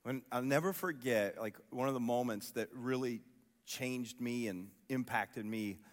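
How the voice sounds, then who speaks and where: A man's voice: mid-range voice, unhurried. A man in his forties from Columbus preaching a sermon, telling stories animatedly and throwing rhetorical questions to the audience. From Columbus, Ohio. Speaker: pastor. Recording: long hall reverb.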